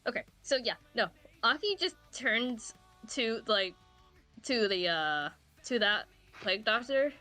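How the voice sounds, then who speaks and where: A woman player in a tabletop game who describes her character's moves in an excited, rambling way. Her voice is high and bright, swooping widely in pitch, with faint music behind. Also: slow pace.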